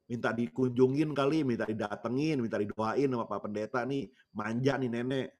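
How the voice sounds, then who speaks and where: A man's voice: mid-range voice, normal speed, a little mellow, close to an everyday voice. Man playing a chatty teasing neighbor.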